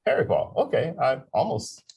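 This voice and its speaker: A man's voice: medium pitch, huge pitch swings, normal speed, darkish tone, breathy edge. A man hosting a live aviation talk show, introducing guests in a friendly, joking way. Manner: friendly, jokey, stumbling over names. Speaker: host.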